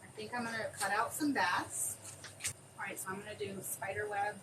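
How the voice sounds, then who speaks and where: A woman demonstrating a craft on a live stream, chatting excitably and thinking aloud as she works. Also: medium pitch, fairly quick. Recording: distant mic with clear background noise.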